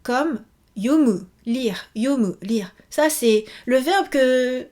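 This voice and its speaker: A woman's voice: high-pitched, expressive, slow pace, darkish tone. A woman giving a casual video lesson, chatty, with many fillers, repeating each example word. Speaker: Japanese teacher.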